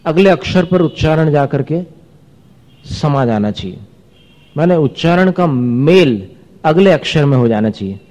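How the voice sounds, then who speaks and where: A man's voice: a little high, expressive, darkish tone. A man teaching a class of listeners how to pronounce and recite verses, explaining each point and asking questions. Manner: explains pronunciation, chants verses slowly, asks the class questions. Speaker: religious teacher. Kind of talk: scripture recitation lesson. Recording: dull sound with long hall reverb.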